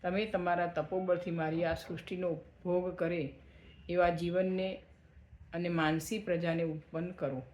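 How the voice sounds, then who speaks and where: Male narrator doing a stern creator god, solemn and declaiming, higher-pitched voice in an echoey room. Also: level tone, moderate pace, darkish tone, lo-fi sound, lightly acted. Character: mighty male creator god, commanding, quick to anger.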